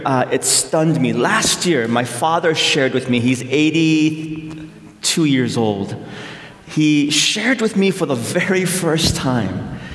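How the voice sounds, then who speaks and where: A middle-aged man, born in South Korea, delivers a conversational sermon full of gentle self-deprecating jokes and thoughtful pauses. His voice rings through a big hall with a long, lingering echo. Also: mid-range voice. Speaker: pastor. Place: large hall. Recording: echoey hall with long reverb.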